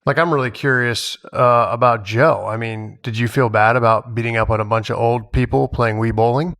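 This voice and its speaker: A man's voice: medium pitch, steady tone, normal speed, a bit bright. A man on a casual roundtable, speaking bluntly and giving strong opinions. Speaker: podcast panelist and advantage player.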